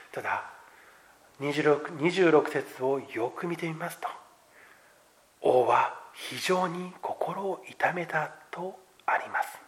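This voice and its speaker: A male pastor with a slightly high voice delivers a sermon in an earnest, testimonial manner. He swings sharply between hushed, almost whispered phrases and loud, emphatic lines, with measured pauses between thoughts.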